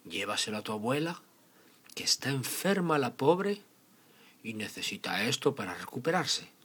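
Guy doing a mom in a kids story, higher voice, caring n firm, lively. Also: normal speed, husky. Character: caring, instructive mother of a little girl.

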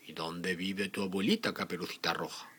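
A man voicing a sly, hungry big bad wolf in a storybook tale, slow, savoring and scheming. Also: sits low, fairly even intonation, a bit bright, slightly rough. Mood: feigned politeness.

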